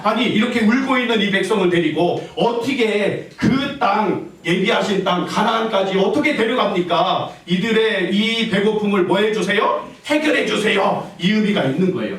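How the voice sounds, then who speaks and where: A man preaches a sermon in a call-and-response style, asking the congregation question after question and echoing their replies. His voice sits high. He sounds distant, in a church hall that booms with echo. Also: fairly bright tone. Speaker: pastor. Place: church sanctuary. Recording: echoey church hall, voice from afar.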